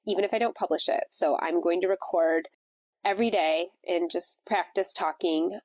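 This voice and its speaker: A podcast host, her voice fairly low and darkish, sounds congested and stuffed up from a cold. At a moderate pace she talks about faith in a casual, reflective, conversational way, recorded with no echo.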